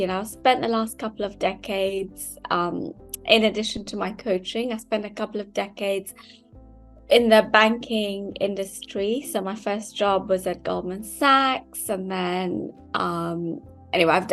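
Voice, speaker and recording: A woman in her fifties from Kenya, a mindset coach giving an upbeat, chatty online seminar over a video call. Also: medium pitch. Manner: upbeat, chatty, loose phrasing.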